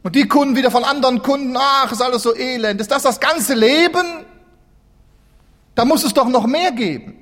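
Animated high-voiced male preacher in a hall. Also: normal speed. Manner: animated, acts out biblical figures in dialogue. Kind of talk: sermon. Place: church.

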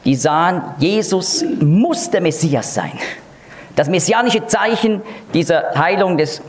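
A man's voice: high voice, expressive, a little slow, noisy background. A man teaching an expository Bible lesson in an emphatic, explanatory way, leaning hard on key words.

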